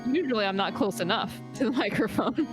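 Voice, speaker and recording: A woman streamer chatting casually and reading game lines aloud, giggly, on a close, slightly muffled desk mic. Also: fairly high pitch. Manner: giggly, unhurried. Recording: game music under the voice. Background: loud game music.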